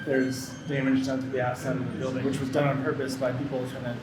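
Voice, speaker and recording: Man, casual travel vlog, flat even delivery, echoey, very noisy background. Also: medium pitch, fast talker, over a noisy crowd. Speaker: travel vlogger.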